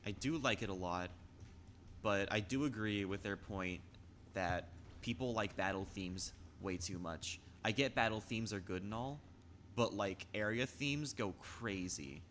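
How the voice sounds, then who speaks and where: A man's voice: on the low side, unhurried, a bit bright, a little hiss or hum. A young man chatting casually on a stream, rambling with frequent stammers and restarts while reading chat.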